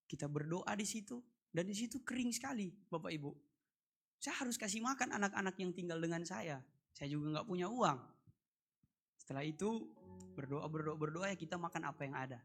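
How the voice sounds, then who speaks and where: Bright, forceful male pastor preaching. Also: fairly high pitch, breathy edge. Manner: animated storytelling, swinging between loud emphatic preaching and quiet narration. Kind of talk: sermon with a personal testimony. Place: church service.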